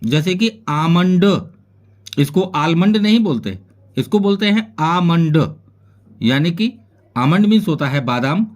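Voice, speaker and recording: High-voiced Indian English teacher. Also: male voice, big pitch swings, unhurried. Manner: spells words letter by letter, then gives their meanings, addressing viewers as friends. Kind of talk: classroom-style lesson explaining English spelling.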